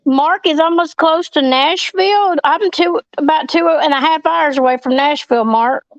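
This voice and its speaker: A woman's voice: sits high, normal speed, no room sound, lo-fi sound. Blunt drawling Southern woman. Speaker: host. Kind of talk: casual livestream chat.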